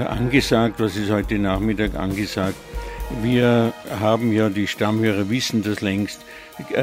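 A man presenting a live music radio show, speaking off the cuff with a slightly congested nose, hesitant and digressive, often correcting himself. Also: lowish voice. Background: music playing under the voice.

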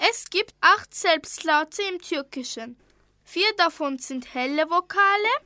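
Bright slow-reading schoolgirl. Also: high voice, no room sound, clean studio sound. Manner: slow, deliberate read-aloud. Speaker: student radio participant. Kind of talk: reading a school radio script.

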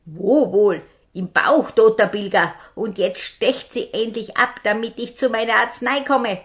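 A woman's voice: sits high, expressive, slow, voice pushed up. A woman voicing a sickly, cruel little male robber chief with a thin piping voice who hisses commands. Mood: snappish. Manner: hissing, snapping commands.

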